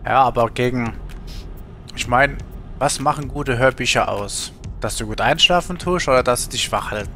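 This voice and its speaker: There's a little hiss or hum behind this medium-pitched man, whose tone is bright and forceful at a moderate pace. He's a middle-aged game livestreamer chatting casually and musingly, colloquially, from his indoor home setup.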